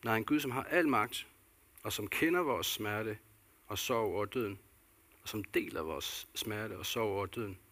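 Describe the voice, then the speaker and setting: A man's voice: lowish voice, a bit bright. A man delivering a sermon as a pastor, earnest and repetitive, posing questions to the congregation.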